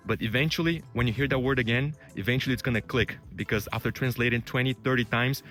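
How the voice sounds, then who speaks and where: Faint music sits under this Brazilian vlogger, a native Portuguese speaker, as he gives casual career advice on camera. His medium-pitched voice is a bit bright, and he talks fast and informally, peppering his speech with "you know."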